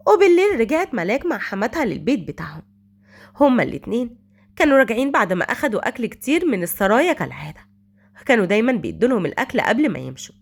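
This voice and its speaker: A woman with an Egyptian accent narrating a romantic drama story, brisk and expressive. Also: fairly high pitch, creaky. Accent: Egyptian Arabic.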